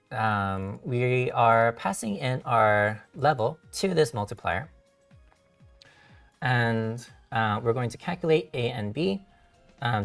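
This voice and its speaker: A man who is a software engineer, hosting a tutorial stream and explaining code step by step, halting with many fillers and self-corrections, his voice a little worn. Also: fairly low pitch, distant mic. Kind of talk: live-coding tutorial walkthrough.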